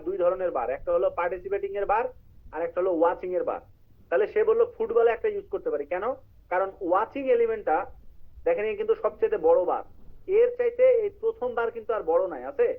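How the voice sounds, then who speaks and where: A man teaching an English writing class online, explaining grammar and quizzing his students while mixing in English terms. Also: sits high. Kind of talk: live online class lecture. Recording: tinny phone-like line.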